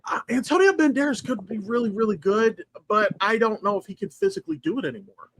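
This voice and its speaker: A man co-hosting a casual podcast, talking in an animated, profane way that jumps up in pitch when he gets excited. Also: quick pace, a little hiss or hum. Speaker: podcast co-host.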